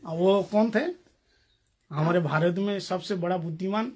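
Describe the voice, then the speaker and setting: A man's voice: sits high, steady tone, moderate pace, darkish tone. A man giving a storytelling sermon to a gathering, playful, acting out the dialogue and putting questions to his listeners. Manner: playful, acts out dialogue, asks audience questions. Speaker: spiritual teacher.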